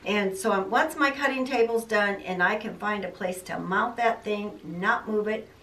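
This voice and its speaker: A woman's voice: medium pitch, normal speed, fairly bright tone, a little hiss or hum. An older woman vlogging casually about her sewing plans, chatty and rambling, in a cluttered home sewing room. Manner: chatty, rambling, self-deprecating. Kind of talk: casual chat to camera. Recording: roomy, mic at a distance.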